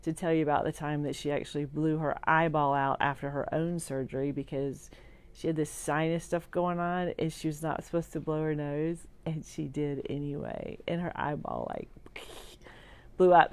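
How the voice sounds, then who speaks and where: Weak and groggy after surgery and on pain medication, a middle-aged woman vlogs a personal update from her hospital room. Her slightly low, somewhat mellow voice carries heavy vocal fry as she rambles sincerely and haltingly, livestream-style, sometimes trailing off.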